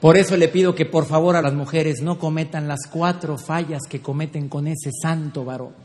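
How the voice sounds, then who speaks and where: A man's voice: a little high, steady tone, moderate pace, a little mellow. A man giving a humorous, teasing talk on couples to a live audience, acting out little scenes. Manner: playful, teasing, acts out scenes. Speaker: speaker on couples and marriage. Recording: echoey hall with faint background noise.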